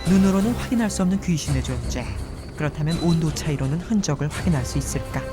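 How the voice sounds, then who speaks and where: A woman's voice: low-pitched, expressive, quick pace. A woman reading scripted narration for a mystery documentary. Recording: voice-over under loud music. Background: loud background music.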